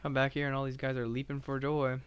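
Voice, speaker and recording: A man streaming a game and rambling on, full of "like"s and half-finished thoughts in a flat, monotone delivery. His voice is smooth and resonant, pitched squarely in the middle for a man. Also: fast, highs cut off. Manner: rambling, filler-heavy, self-described monotone. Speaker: live-streaming gamer. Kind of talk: casual live-stream chat while playing.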